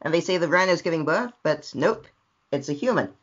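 Energetic guest on a muffled call. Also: male voice, a little high, a little fast. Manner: energetic, repetitive, bursts into loud yelps. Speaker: recurring podcast guest. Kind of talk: casual review chat. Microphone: video call. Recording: dull lo-fi call audio.

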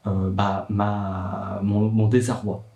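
A man's voice: on the low side, flat delivery, slow, vocal fry, warm tone, roomy sound, far from the mic, highs cut off. A young man, a worried father, telling his story in a hesitant vlog monologue full of fillers and restarts. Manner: hesitant, many fillers and restarts, rising when upset.

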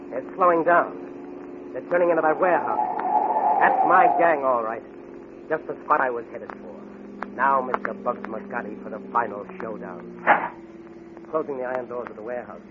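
A man's voice: mid-range voice, normal speed, pauses often, phone-quality sound, lightly acted. A man playing the Blue Beetle, a bold masked hero. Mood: determined. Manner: confident, commanding, taunting. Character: bold masked male crime-fighting hero. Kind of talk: 1940s radio acting. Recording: scratchy old radio recording.

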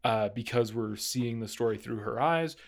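A man's voice: mid-range voice, moderate pace, creaky. A man co-hosting a casual podcast, talking in a loose, rambling way and laughing often. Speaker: podcast co-host. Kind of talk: casual chat.

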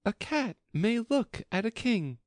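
A man's voice: high voice, sing-song, takes it slowly, dry recording, clean studio sound, pitched above the performer's own voice, full character voice. A man voicing a curious, fretful young girl in a storybook reading, with a prim, complaining tone. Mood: polite.

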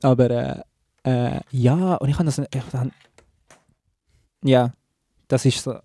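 A man's voice: mid-range voice, slow pace, mellow, husky, no room sound. A young man with a Swiss German accent, a podcast co-host telling a story in a rambling, self-mocking way, mixing in English slang. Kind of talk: casual chat.

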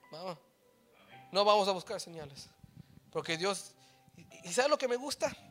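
Middle-aged pastor guy, mixes english in, goes quiet then shouts, high voice. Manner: swings from soft asides to loud shouted exhortation; mixes English phrases into Spanish. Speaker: preacher. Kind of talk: sermon.

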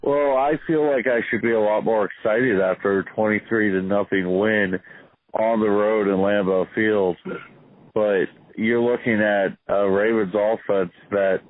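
A man giving measured, critical sports analysis as a guest on a podcast. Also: lowish voice, steady tone, no echo. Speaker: guest contributor. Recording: dry, tinny phone-like line.

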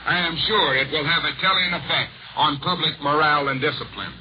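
A man delivers a formal 1940s radio news report like an old-time announcer, his voice a little high. The sound is a muffled vintage shortwave broadcast with faint noise behind it. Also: fairly quick. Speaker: radio war correspondent.

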